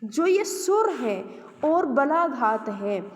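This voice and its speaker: Woman teacher, lecture, high voice, roomy echo, repeats herself, asks then answers. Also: sing-song, drawn-out words. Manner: repetitive, asks and answers own questions. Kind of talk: explanatory lecture.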